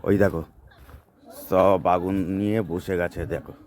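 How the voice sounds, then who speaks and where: Hoarse man chatting to his viewers. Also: deep voice, steady tone, normal speed, a little mellow, some chatter behind. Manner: chatty, addresses viewers directly as friends. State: hoarse from a cold. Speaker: vlogger. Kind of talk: casual vlog chat. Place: outdoors by a bonfire on a cold day.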